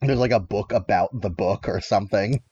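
A man co-hosting a podcast, chatting about a film with lively interjections and laughter. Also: fairly low pitch, brisk, husky, no room sound, muffled recording. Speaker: podcast co-host. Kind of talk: casual film discussion.

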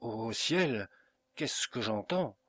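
A man's voice: medium pitch, lively intonation, very slow, a bit bright, slightly rough, heavily acted. A man voicing a frightened but defiant young woman in an audiobook, speaking with indignation and scorn. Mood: indignant. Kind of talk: audiobook character reading.

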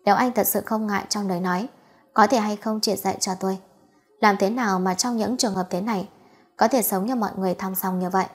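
A timid young lady in an audiobook, hesitant and uneasy, speaking with a lonely softness, as a woman narrator reads her. Her tone is husky and breathy. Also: mid-range voice, steady tone, fast talker, faint music behind, lightly acted. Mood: shy uneasy. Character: shy, anxious young woman hostess.

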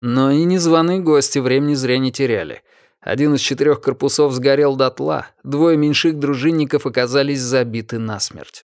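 Reading scripted audiobook narration, a man tells the story evenly and steadily at a moderate pace. The studio-quality recording has no room sound, and his voice sits in the mid-range.

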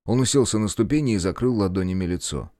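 A man reading a gritty first-person audiobook, narrating with lively delivery and voicing the dialogue, sometimes breaking into shouts. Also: on the low side, fast talker, no room sound, clean studio sound.

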